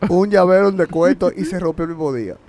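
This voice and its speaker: High, fast-talking man ranting. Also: crowd noise. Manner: ranting, mock-resentful, laughing through complaints. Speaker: podcast co-host. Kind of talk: casual chat.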